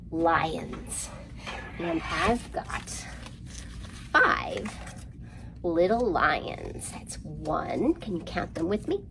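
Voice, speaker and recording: A woman leads a children's storytime, animated and sing-song, guiding young listeners through rhymes and counting. Her fairly low voice is gravelly, and the background is noisy.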